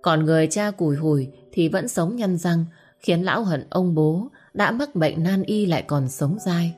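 Give me a woman with a lower voice narrating an audiobook over quiet music. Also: husky. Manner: measured storytelling, expressive. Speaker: story narrator. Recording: faint music bed.

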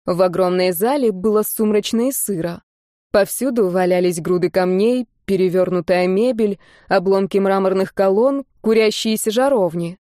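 A woman narrating a first-person fantasy audiobook in a steady, expressive reading. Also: medium pitch, normal speed, dry recording, clean studio sound.

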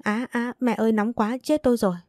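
A woman's voice: medium pitch, moderate pace, warm tone, no echo, clean studio sound, faint music behind, lightly acted. A woman voicing a scheming young woman who sweet-talks with false concern. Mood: pained.

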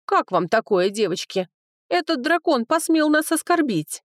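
A woman reading an audiobook, voicing a brash, flirtatious village widow who talks loud and indignant. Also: sits high, very animated, measured pace, no room sound, clean studio sound, voice pushed up.

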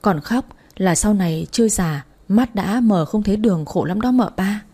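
A tearful young maid in a spoken storybook, put on by a woman narrator. She coaxes and pleads with her mistress in a soft, husky voice. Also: medium pitch, moderate pace, natural voice. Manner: pleading, coaxing.

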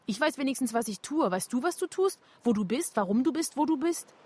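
A woman's voice: sits high, animated, a little fast, a little mellow, slightly rough. An actress playing a blunt, provoking young woman in a radio drama. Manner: blunt and mocking.

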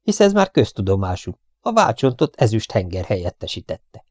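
A man's voice: on the low side, sing-song, darkish tone, dry recording, clean studio sound. A man voicing a cheeky, mocking young male rogue in a storybook reading. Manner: sarcastic.

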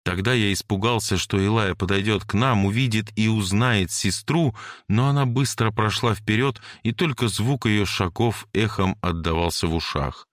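A man narrating an audiobook in an even, measured storytelling voice. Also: fairly low pitch, dry recording, studio quality.

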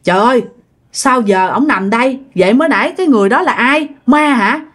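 A woman's voice: fairly high pitch, animated, fairly quick, fairly bright tone. Brief: woman doing a fretful young Southern Vietnamese village wife, anxious questioning tone. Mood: frightened. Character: startled young village wife, sleepy, then frightened.

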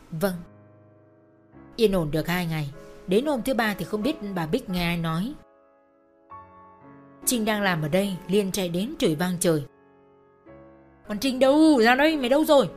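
Woman storyteller, dramatic narration, soft music behind. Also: fairly low pitch.

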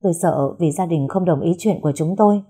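A woman voicing a desperate young woman held captive by her family, speaking in a hushed, pleading way. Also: fairly low pitch, a little fast, husky.

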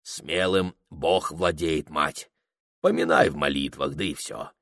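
A man's voice: extremely low pitch, measured pace, gravelly, fairly bright tone, no echo, studio quality, voice pushed down, full character voice. A man voicing a gluttonous, jovial old village priest with a hearty, unctuous manner.

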